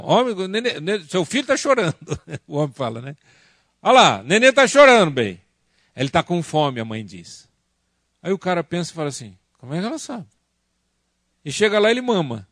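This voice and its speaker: A man with a Brazilian Portuguese accent giving a lively church workshop talk on family, asking the audience questions and acting out family arguments. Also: fairly high pitch, no echo, clean studio sound. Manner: animated, acts out quoted family arguments. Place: church conference hall.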